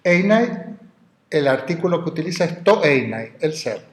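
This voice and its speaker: A man's voice: on the high side, lively intonation. Man lecturing in an echoey classroom. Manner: digressive, explains Greek terms slowly, spells words out. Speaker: philosophy lecturer. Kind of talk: university lecture. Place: university classroom.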